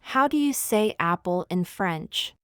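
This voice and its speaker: A woman reads practice phrases for learners, one at a time. She speaks very slowly and deliberately in a smooth, clear voice at a middle pitch. The sound is dry and close. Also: expressive, a bit bright, no room sound. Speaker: language teacher. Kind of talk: reading example phrases for learners.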